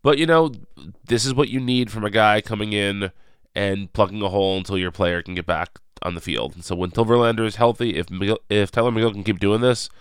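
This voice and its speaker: A man's voice: lowish voice, fairly quick, smooth, dry recording, studio quality. A man with a head cold and a nasal voice, hosting a casual solo recap podcast with rambling, self-correcting talk. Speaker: podcast host.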